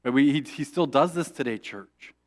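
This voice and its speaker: Guy pastor preaching, casual and chatty, lots of "right?", stumbles and restarts, middle pitch. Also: moderate pace. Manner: conversational, keeps asking "right?"; acts out quoted prayers in a soft, hushed voice. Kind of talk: sermon.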